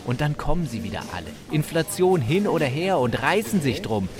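Lively, down-to-earth talking lettuce. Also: male voice, fairly high pitch, a little fast, over music. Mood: wry encouragement. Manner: colloquial, soothing, matter-of-fact. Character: down-to-earth consoling romaine lettuce. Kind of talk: comedy radio sketch.

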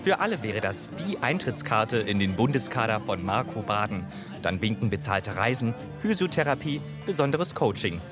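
A man narrating a TV report in scripted narration, with a measured reporter's delivery. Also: fairly low pitch, sing-song. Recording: narration over loud music. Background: music.

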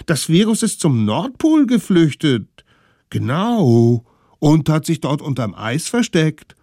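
A man voicing a bunch of excited, boastful little stone-age children who shout and chant in a children's radio story. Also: on the high side, takes it slowly, dry recording, studio quality, pitched above the performer's own voice, full character voice. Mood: defiant.

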